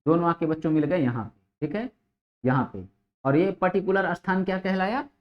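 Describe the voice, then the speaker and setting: A man's voice: fairly high pitch, normal speed. A male teacher giving an exam-prep geography lesson, addressing his students as children, asking questions and answering them himself, and repeating key words over and over. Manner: repeats key words with frequent "ठीक है" checks. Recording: dull lo-fi audio.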